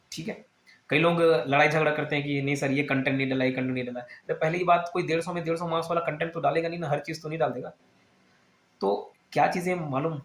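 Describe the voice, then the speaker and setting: A man gives exam-prep students a quick, direct pep talk, his voice sitting a little high. He speaks earnestly and persuasively. The room around him is echoey. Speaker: exam coaching teacher.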